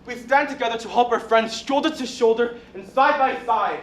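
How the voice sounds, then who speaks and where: A woman's voice: on the high side, normal speed, lightly acted. A student actress playing a proud, stubborn old man in a school stage play. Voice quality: defiant, blustering. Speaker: student actor. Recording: echoey hall, faint noise.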